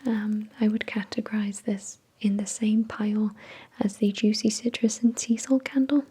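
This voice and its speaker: A woman hosting an ASMR product review in a soft, breathy whisper, with an unhurried, measured delivery. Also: medium pitch, level tone. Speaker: ASMR video host.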